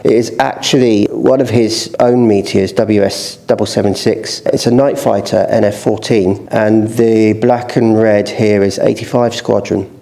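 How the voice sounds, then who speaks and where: Man with a dark, gravelly voice. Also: mid-range voice. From United Kingdom. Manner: earnest, measured recounting of family history. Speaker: interview guest. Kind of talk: storytelling in an interview.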